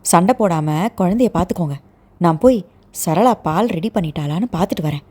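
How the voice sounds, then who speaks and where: Woman voicing a grandmother, gentle, soothing, calm. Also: fairly low pitch, brisk, husky.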